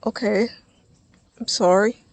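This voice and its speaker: A man voicing a cheerful, caring teenage boy who talks eagerly and warmly in a storybook reading. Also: fairly even intonation, takes it slowly, vocal fry, no room sound, exaggerated voice. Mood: apologetic. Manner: eager and warm, pitched up and louder. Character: cheerful caring teen boy, the best friend.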